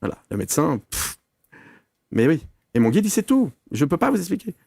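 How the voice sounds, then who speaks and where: A man, a medium, telling lively anecdotes in a casual interview, full of fillers and restarts. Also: on the high side, a little fast, vocal fry, slightly rough, no room sound, clean studio sound.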